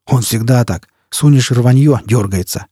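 A man voicing a gruff, hulking male thug with a hoarse, rasping delivery. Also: mid-range voice, a little slow, warm tone, no echo, studio quality. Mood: sullen.

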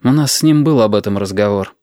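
A man's voice: lowish voice, fast, dark tone, no room sound, studio quality, natural voice. A man reading an audiobook, voicing a gloomy young male student who talks in a reluctant, subdued way.

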